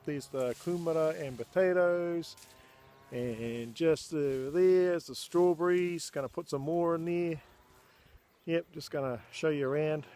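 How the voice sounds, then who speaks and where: A man's voice: fairly high pitch, darkish tone. A middle-aged man with a Māori New Zealand English accent, talking casually and unhurriedly with hesitations as he films a walk-around vlog outdoors. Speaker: vlogger showing family land. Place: outdoors on rural land. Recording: noisy outdoor amateur recording. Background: clear outdoor noise, birds.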